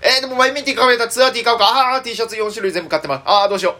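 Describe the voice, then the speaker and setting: A young man with a Kansai accent, hosting a solo chat show as a comedian, thinking aloud excitedly and fretting as he rambles. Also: extremely high pitch, racing. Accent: Kansai Japanese. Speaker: comedian and podcast host.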